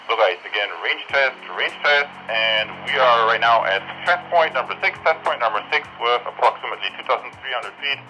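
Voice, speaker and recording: A product reviewer's range test comes over a walkie-talkie as he repeats phrases for the check. He talks fairly quickly with few pauses, his medium-pitched voice expressive and sharp, and the lo-fi, band-limited radio audio has music behind it.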